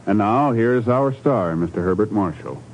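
A man's voice: fairly low pitch, animated, moderate pace, a little hiss or hum. A man announcing credits in scripted 1950s radio style. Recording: dull old radio recording. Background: loud organ music.

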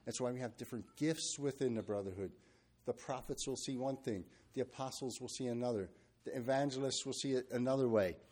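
A man preaching a sermon, talking freely with fillers and restarts, and reading scripture in a steady measured cadence. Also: medium pitch. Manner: unscripted and searching, with restarts and fillers.

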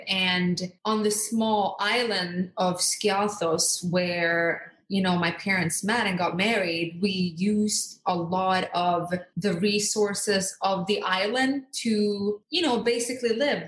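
A woman's voice: medium pitch, steady tone, takes it slowly, hardly any pauses. Earnest woman in an echoey room. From Norway. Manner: earnest, warm storytelling with many "you know" fillers. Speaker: guest, skincare brand founder. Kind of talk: podcast interview.

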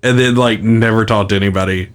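A man's voice: fairly low pitch, fairly even intonation, fast, clear, resonant tone. A man hosting a casual podcast, bantering and swearing freely. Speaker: podcast host.

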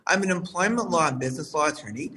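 A man's voice: on the high side, lively intonation, sharp tone, far from the mic. Man hosting a talk show over the phone. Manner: formal, measured, with fillers. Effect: heard over a phone. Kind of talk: hosting a live radio and video talk show.

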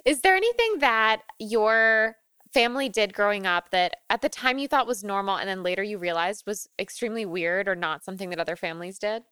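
A woman hosting a podcast in casual, expressive chat, swearing and laughing often. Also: medium pitch, brisk, smooth, dry recording, studio quality. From lives in New York. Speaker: podcast host.

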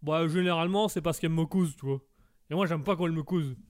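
A man's voice: a little high, fast, no echo, studio quality, close to an everyday voice. A man voicing a dim, quarrelsome young slacker who talks in slangy, slurred phrases full of fillers, in a comedy sketch. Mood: brash. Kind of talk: comedy sketch, one performer doing two voices.

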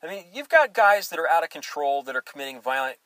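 A man's voice: fairly high pitch, big pitch swings, fast, a bit bright, no room sound. A man in a casual discussion who talks loosely, hesitating and restarting his sentences often.

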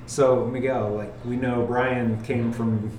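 Male interviewer, low-ish voice, easygoing and chatty; echoey room, a little distant from the mic. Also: slow pace. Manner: relaxed, talkative. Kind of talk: casual chat. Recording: roomy, a little off-mic, with faint noise.

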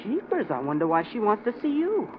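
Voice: medium pitch, wildly swooping pitch, brisk, slight background noise. A performer playing an eager, slangy youngster, a detective's assistant in an old radio drama. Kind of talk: 1940s radio drama acting. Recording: dull vintage radio recording.

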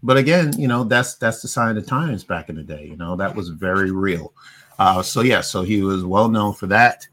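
A man's voice: deep voice, animated, moderate pace, a bit bright, a little hiss or hum. A middle-aged man hosting a casual movie review, talking in a rambling way with many fillers and restarts. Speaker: podcast host.

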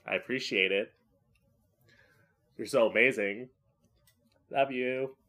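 Slow-talking campy man, drag queen podcaster. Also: medium pitch, pushed and bright. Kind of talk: rambling solo podcast chat. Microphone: podcast microphone, live streamed.

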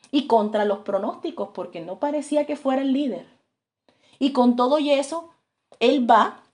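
Woman preacher, kinda high voice, chatty storytelling sermon. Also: a little mellow. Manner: storytelling, conversational, addressing the congregation.

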